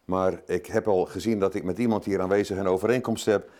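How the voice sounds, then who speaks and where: Older male guest preacher, somewhat low voice, informal and self-joking from the pulpit. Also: fairly even intonation, a little fast, warm tone. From Zeeland, Netherlands. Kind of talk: sermon.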